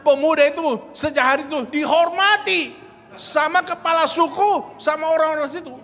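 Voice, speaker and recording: A male pastor preaching through a story with a very high, bright voice. He swings between hushed asides and loud exclamations, and a long church-hall reverb carries every line over a faint ambience. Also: moderate pace. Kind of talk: sermon storytelling.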